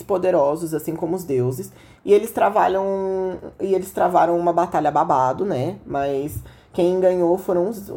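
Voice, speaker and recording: A woman's voice: on the low side, dark tone. A woman with a Brazilian accent and a voice altered by an inflamed, sore throat, hosting a podcast in a casual, chatty storytelling style that speaks straight to listeners. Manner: chatty, informal, addresses listeners directly. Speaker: podcast host.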